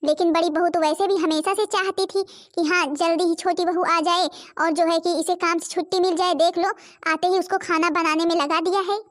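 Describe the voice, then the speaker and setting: A woman voicing a sharp-tongued, scolding village mother-in-law in a cartoon, nagging and accusing. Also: very high-pitched, normal speed. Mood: angry. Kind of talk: cartoon voice acting.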